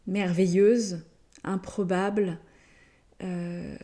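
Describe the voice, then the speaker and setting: A woman delivers a channeled spiritual message at an unhurried, drawn-out pace, her voice set somewhat low. She speaks gently and haltingly, filling gaps with soft hesitations while she searches for her words, and she yawns now and then as she goes. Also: steady tone. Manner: hesitant, halting, many fillers and pauses; yawns often during the session.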